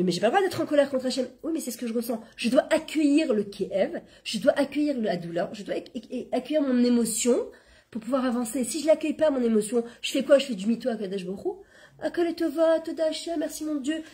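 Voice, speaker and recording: A middle-aged woman who teaches Torah classes and works as a coach gives an informal religious lesson in a fairly high voice. She speaks in a lively, conversational way and mixes Hebrew terms into her French.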